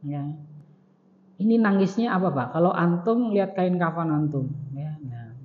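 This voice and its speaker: A man with a rather high, expressive voice leads a chatty study lecture in a mosque at a moderate pace, cracking jokes and asking the listeners rhetorical questions while filling his phrases with "ya" and "nah." The recording carries the reverb of the mosque hall and sounds dull and lo-fi.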